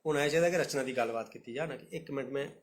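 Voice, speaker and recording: A man with a Dogri accent, a teacher giving a live talk on poetry, who explains points, repeats himself and recites verses slowly. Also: mid-range voice.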